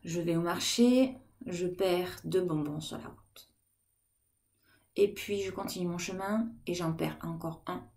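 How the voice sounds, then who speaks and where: Slow, gentle woman teaching young children. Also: lowish voice, vocal fry. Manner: slow, gentle and encouraging, counting aloud. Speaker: kindergarten teacher. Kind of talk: remote lesson for young children.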